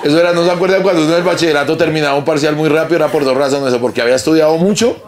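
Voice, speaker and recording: A young man with a Colombian accent, a comedian telling a crude, animated anecdote and laughing as he goes. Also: fairly high pitch, racing. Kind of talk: comic storytelling.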